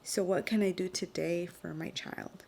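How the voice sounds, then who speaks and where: A young woman and mother sharing earnest, heartfelt thoughts in a casual vlog, often dropping into a soft whisper. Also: fairly low pitch, steady tone, measured pace, vocal fry. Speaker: vlogger and mother. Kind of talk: reflective casual vlog talk.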